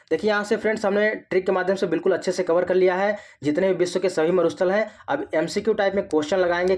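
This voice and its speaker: A man's voice: sits high, darkish tone. A young man with a North Indian accent, teaching exam memory tricks. He keeps asking questions and answering them himself, repeating each point.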